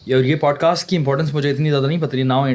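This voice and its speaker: A man's voice: on the high side, fairly even intonation, a little mellow. A man hosting a podcast, chiming in with agreement and mixing English into his talk. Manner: chatty, chimes in with agreement, mixes in English. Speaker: podcast host. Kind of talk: casual podcast interview.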